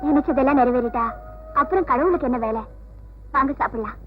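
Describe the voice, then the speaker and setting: A woman playing a gentle, caring wife in 1970s film style. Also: high voice, fast, close to an everyday voice. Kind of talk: 1970s Tamil film acting. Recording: tinny old film soundtrack with loud music.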